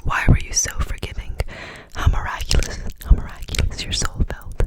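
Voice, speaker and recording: A woman's voice: normal speed, low-quality recording. Whispering woman repeating words up close. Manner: repeats words softly as triggers. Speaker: ASMR creator. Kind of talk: whispered ASMR poetry reading. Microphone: close-up mic.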